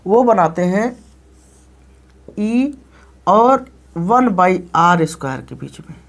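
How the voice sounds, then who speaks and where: A man teaches a physics lesson in a rather high voice. He talks straight to his students, asking a question and then answering it himself. He repeats key phrases and keeps checking that they follow. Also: big pitch swings, slow pace. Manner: calls the students "children" and checks "okay?" often. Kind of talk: classroom lecture explaining graphs.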